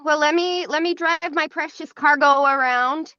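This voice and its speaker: A woman talks loudly and with passion from inside her car, her voice carried through the car's Bluetooth hands-free link. The sound is dull and lo-fi, dry and close, and her pitch sits high. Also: moderate pace, no room sound. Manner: loud and passionate. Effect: car Bluetooth hands-free audio. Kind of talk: casual chat on a webinar call.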